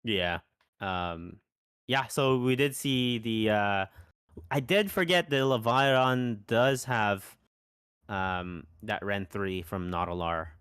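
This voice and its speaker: Low-voiced man calling a tabletop game. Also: slow pace, clear, resonant tone, dry recording, clean studio sound. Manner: relaxed, hesitant, many ums and restarts, laughs easily. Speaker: tournament commentator. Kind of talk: casual live game commentary.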